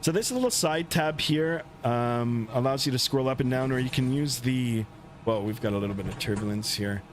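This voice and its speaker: The steady drone of an aircraft engine runs under this clip, where a man offers relaxed, pause-heavy commentary while streaming a flight simulator. His sentences come out in halting fits.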